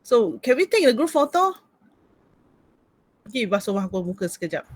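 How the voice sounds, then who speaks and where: A woman's voice: fairly high pitch, sing-song, moderate pace, no room sound. A woman with a Malaysian accent teaching an informal online class as a lecturer, speaking colloquial Malaysian English mixed with Malay words and particles like lah. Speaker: university lecturer. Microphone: computer video-call mic.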